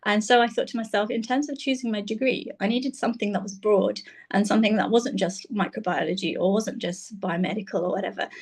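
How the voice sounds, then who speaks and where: A woman's voice: medium pitch, breathy edge. A woman from Bangladesh, a senior lecturer, telling her life story on a video call from her phone, thoughtful and full of "um"s. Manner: warm, reflective, with many "um"s. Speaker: guest speaker, senior lecturer. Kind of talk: personal talk on a video call.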